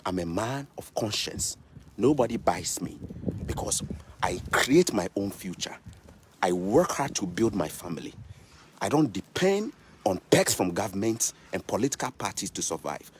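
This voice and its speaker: A man's voice: fairly low pitch, big pitch swings, normal speed, slight background noise. A man in his thirties with a Ghanaian English accent, ranting to the camera in a vlog and firing off repeated rhetorical questions like a preacher. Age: 30s. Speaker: vlogger. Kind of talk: impassioned political rant to camera. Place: outdoors in snow.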